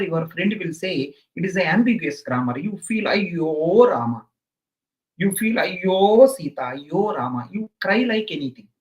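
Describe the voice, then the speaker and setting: A man's voice: high voice, highs cut off. A man with a South Indian accent teaching a live online exam class, emphatically repeating his phrases over and over.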